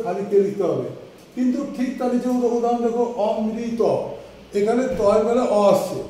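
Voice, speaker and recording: A high-voiced man teaches a class at the board, taking it slowly and patiently and often checking that students follow. His voice is mellow, and it sounds distant in a very echoey room with a faint hiss behind it. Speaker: English teacher.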